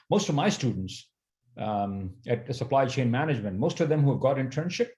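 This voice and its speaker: A man's voice: medium pitch, a little mellow. A man who teaches supply chain management, presenting slides on a video call in an earnest way, with many fillers and restarts. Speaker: university supply chain educator. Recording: roomy echo.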